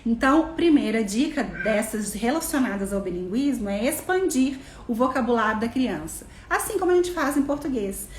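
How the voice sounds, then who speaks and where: Animated woman teaching parents, echoey room. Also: fairly high pitch, normal speed, few pauses. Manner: animated, acts out parent-child dialogue with stretched English phrases. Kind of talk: instructional talk to parents. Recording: echoey room with faint noise.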